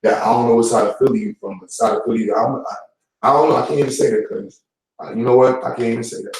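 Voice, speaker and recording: A man's voice: medium pitch, steady tone, fast. A man giving a casual, blunt vlog rant full of street slang, repeating his points. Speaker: YouTube commentator. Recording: echoey room, voice far from mic.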